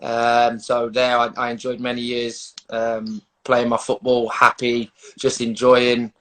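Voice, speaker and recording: London bloke being interviewed about his football, matey n slangy, pretty flat pitch, bit hesitant. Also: measured pace. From London, England. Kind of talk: casual interview chat. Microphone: video call.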